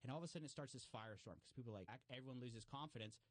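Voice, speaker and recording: A man speaking casually as an interview guest, talking at a mid pitch with loose phrasing and plenty of "like" and "you know." He gets lively whenever he quotes other people. The sound is dry and close, with no room echo. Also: racing. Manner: animated, acts out quoted remarks with raised pitch; many fillers and restarts. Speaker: guest commentator on fraud stories.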